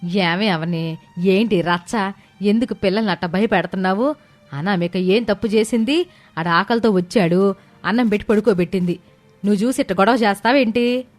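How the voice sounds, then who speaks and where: A woman's voice: lowish voice, moderate pace, darkish tone, no room sound, faint music behind, lightly acted. A woman voicing a blunt, indignant old village mother-in-law in a storybook. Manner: blunt, rebuking. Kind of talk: storybook character voice.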